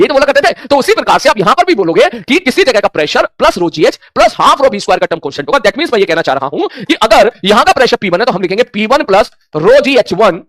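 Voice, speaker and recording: A physics lecturer speaking Hindi with English technical words has a high-pitched, slightly bright voice. He acts out his students' questions in dialogue; the studio-quality audio has no room sound.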